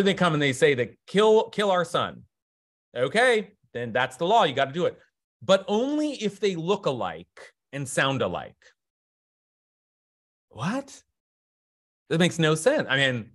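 A man teaching a recorded Talmud class, animated and incredulous, thinking aloud with frequent restarts. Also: mid-range voice.

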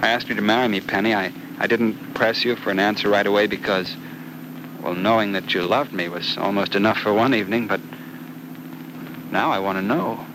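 An actor playing an eager, romantic young suitor in an old radio serial, earnest and lightly joking. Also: male voice, lowish voice, fairly even intonation, brisk, natural voice. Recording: noisy old radio recording.

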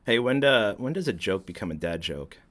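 Male podcast guest, low voice, very lively pitch, animated dad-joke teller. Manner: animated joke-telling with chuckles and quick asides. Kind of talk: casual joke-swapping chat. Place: small shed podcast studio.

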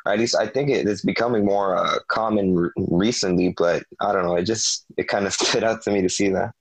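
Podcast co-host, young man, deep and monotone, dry close sound, stop-start delivery. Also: slightly rough, no room sound, low-quality recording. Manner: halting, many fillers and restarts. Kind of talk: casual sports podcast chat.

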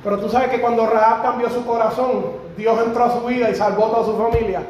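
Fervent high-voiced male preacher. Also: fairly even intonation, fast talker. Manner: fervent, rising to shouts on key phrases. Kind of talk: sermon. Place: church sanctuary. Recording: very echoey church hall.

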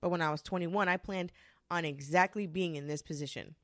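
A woman's voice: fairly low pitch, a bit bright, no room sound. Woman, 20s, casual self-talk monologue, profane, candid, dry recording. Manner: candid and profane, with frequent restarts and quick bursts.

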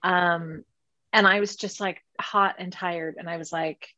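A woman telling a story in relaxed chat, animated and quick to laugh, acting out both sides of a conversation. The sound is dry and a bit dull, like a close lo-fi recording. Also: on the low side, dry recording. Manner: animated storytelling, laughing mid-sentence, acts out quoted dialogue. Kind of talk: casual chat.

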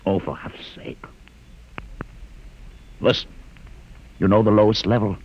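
An actor playing a calm, educated male mutant leader in a 1950s radio drama, measured and quietly ironic. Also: lowish voice, slightly rough. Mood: calm, wry. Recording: old radio drama with long reverb.

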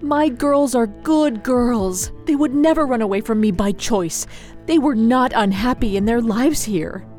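A woman's voice: fairly high pitch, measured pace, a little mellow, faint music behind, lightly acted. A woman acting an anxious, strict mother with an urgent, fretful manner in an audio drama. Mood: firm, defensive. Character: anxious, strict mother of missing teenage daughters.

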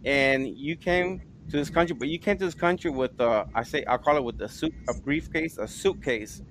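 A man's voice: medium pitch, moderate pace, a bit bright, a little hiss or hum. A middle-aged man hosting a podcast, introducing his guest in a loose, repetitive way. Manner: rambling, repeats himself. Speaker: podcast host. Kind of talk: casual interview.

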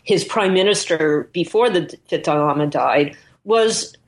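A woman's voice: deep voice, expressive, unhurried. A woman speaking as an interviewed scholar, explaining her subject off the cuff and thinking aloud, often correcting herself as she goes.

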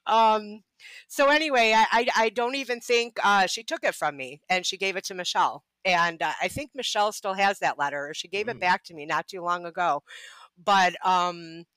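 Bright-voiced woman telling her story. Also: medium pitch, moderate pace, clean tone, dry recording, low-quality recording. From Ohio. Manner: candid and profane, laughs often. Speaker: guest. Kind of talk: candid storytelling.

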